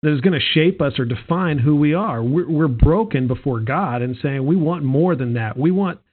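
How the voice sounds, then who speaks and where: A man's voice: fairly high pitch, lively intonation, normal speed. A man co-hosting a casual chat podcast, rambling and joking, often restarting his sentences. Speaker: podcast co-host. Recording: tinny phone-like sound.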